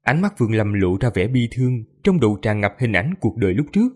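A male storyteller with a mid-range voice that rises and falls a great deal as he reads. His tone is slightly husky, and his narration is steady and expressive. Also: mid-range voice, fast talker. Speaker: audiobook narrator.

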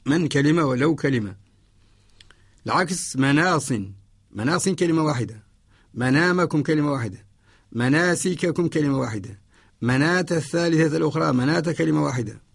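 Man from Mauritania, scholar teaching on radio, gravelly and somewhat high voice, measured and repetitive. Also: no room sound, clean studio sound. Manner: measured, repetitive explaining, slow recitation of examples. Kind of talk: radio lesson on Quranic spelling.

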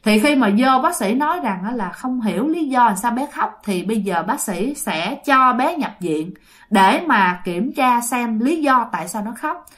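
Southern vietnamese lady telling a ghost story, chatty, talks to her listeners, high lively voice. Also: a little slow. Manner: chatty, addresses listeners directly.

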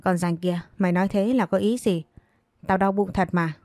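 A woman's voice: mid-range voice, steady tone, normal speed, darkish tone, no room sound, lightly acted. Sly, whining servant girl, read by a woman storyteller; dry, close sound. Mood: whiny. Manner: whining, pleading.

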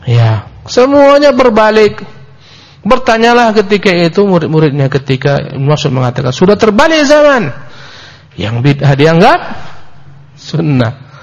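An Islamic preacher gives a sermon-style book lecture, reciting Arabic and explaining it in Indonesian. His intonation is lively and his speed normal, and he is emphatic, repeating phrases and rising sharply in pitch for emphasis. The recording sounds dull and lo-fi.

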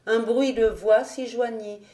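A woman reading a classic novel aloud in a measured, expressive way. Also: fairly high pitch. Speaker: audiobook reader. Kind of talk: audiobook narration of a classic novel. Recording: roomy home recording.

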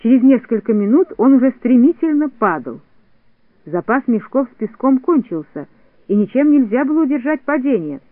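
A man narrating a children's storybook in a clear, even storytelling manner. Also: very high-pitched, normal speed, no echo, narrow, tinny audio. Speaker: audiobook narrator.

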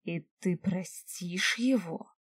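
Woman doing a slow, hushed elf possessed by a spirit. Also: on the low side, slightly rough, dry recording, voice pushed down. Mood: ominous.

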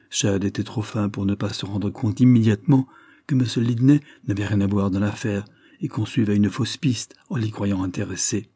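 A man narrating a classic novel as an audiobook, in a steady reading manner. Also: lowish voice, breathy edge, no room sound, studio quality. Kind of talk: scripted narration.

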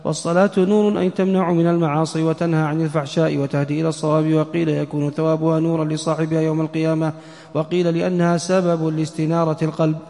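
A man with a slightly high, mellow voice reads a text aloud to his teacher. His recitation is rapid, flat and half-chanted. The sound has the long echo of a mosque hall. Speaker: student reading the text aloud.

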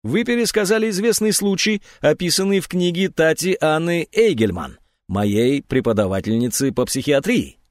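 A man's voice: fairly high pitch, lively intonation, normal speed, hardly any pauses, no room sound, clean studio sound, voice pushed up, natural voice. A man playing a furious woman psychiatrist. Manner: sharp, indignant. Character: angry middle-aged woman psychiatrist.

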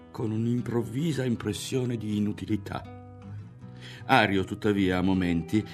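Deep-voiced man narrating a novel. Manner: measured, expressive, dropping to hushed tones. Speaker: audiobook reader. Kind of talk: literary audiobook narration. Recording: faint music underneath.

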